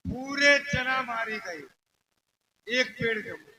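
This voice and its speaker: A man's voice: very high voice, lively intonation, slow, bright, forceful tone, slight background noise, exaggerated voice, low-quality recording. A man with a playing a simple village farmer, wailing and complaining in a comic, exaggerated way in a folk stage play. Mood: whiny.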